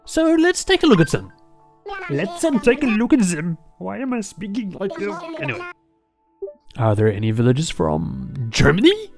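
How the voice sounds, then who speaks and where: A creaky, medium-pitched voice with wildly swooping pitch speaks at normal speed over video game music. The speaker is a game commentator delivering casual, playful gameplay talk, exclaiming often and rambling off on tangents.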